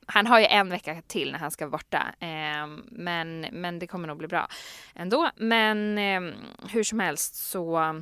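A young pregnant woman co-hosting a podcast, chatting casually and telling a story with lively acted-out quotes and frequent laughs. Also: lowish voice, smooth, dry recording, studio quality. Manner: animated storytelling, laughs often, acts out quotes. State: heavily pregnant. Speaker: podcast co-host. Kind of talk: casual chat.

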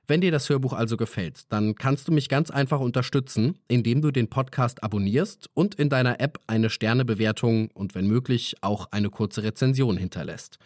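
A man's voice: medium pitch, darkish tone, no room sound, clean studio sound. A man as podcast host, giving a friendly outro and speaking directly to listeners.

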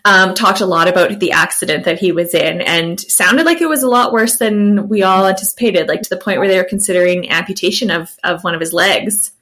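A woman's voice: on the low side, brisk, few pauses, a bit bright. A woman co-hosting a casual chat podcast, blunt and sarcastic. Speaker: podcast co-host.

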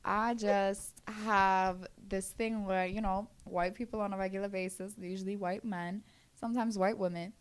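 Female interview guest, Brooklyn accent, mid-pitched, candid and slangy, swears freely. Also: steady tone, moderate pace, clear, resonant tone. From Brooklyn, New York. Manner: blunt, frequently swearing, slangy. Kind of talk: candid casual conversation.

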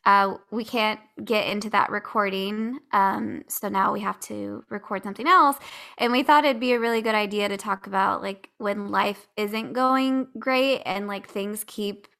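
Bright-voiced woman podcaster with creaky edges. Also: medium pitch, steady tone, normal speed. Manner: informal, candid, mild swearing. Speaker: podcast host. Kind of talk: casual podcast chat.

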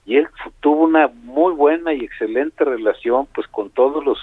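A man's voice: mid-range voice, moderate pace, slightly rough, dry recording. A man with a Mexican accent, an ambassador giving his view as a phone guest, speaking hesitantly with many fillers. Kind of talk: phone interview commentary. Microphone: telephone. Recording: tinny phone line.

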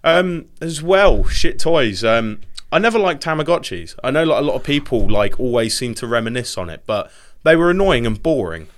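A man with a Norfolk English accent chatting casually as a podcast co-host, sweary and self-deprecating and quick to laugh. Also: mid-range voice, expressive. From Norfolk, England. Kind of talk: casual comic banter. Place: home garage. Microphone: podcast microphone.

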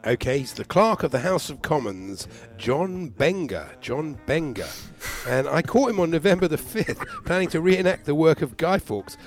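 A man's voice: a little high, sing-song, moderate pace, hardly any pauses, soft background music. A man setting questions on a radio game, delivering jokey patter with puns. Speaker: quiz setter and joke teller on a radio show.

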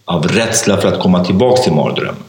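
Deep-voiced man, halting, echoey room. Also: animated. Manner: halting, many fillers and restarts. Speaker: interview guest, author. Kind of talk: personal testimony in an interview.

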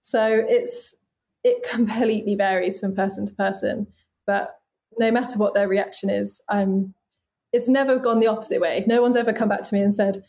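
A young woman in her late twenties chats openly and earnestly as an interview guest. She talks at an easy, unhurried pitch for her age, peppering her speech with "like" fillers. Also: steady tone, darkish tone. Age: late 20s. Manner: chatty, open and earnest, many "like" fillers. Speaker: body casting artist, guest. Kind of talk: casual interview conversation.

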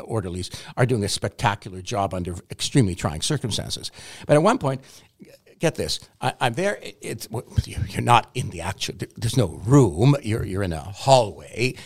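A man, a journalist and broadcaster, talking as a guest in a conversational interview, wry and joking as he tells stories. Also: on the low side. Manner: animated storyteller, wry and joking.

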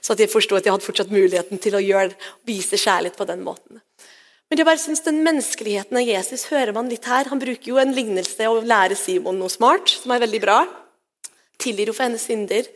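Woman pastor preaching in a reverberant hall. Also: mid-range voice. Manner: personal, conversational preaching. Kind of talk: sermon. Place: church service.

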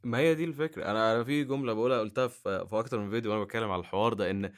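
Rapid-fire Egyptian man, stop-start talk. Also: fairly low pitch. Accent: Egyptian Arabic. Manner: rapid, halting, many restarts and fillers. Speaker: guest, YouTuber. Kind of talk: casual podcast chat.

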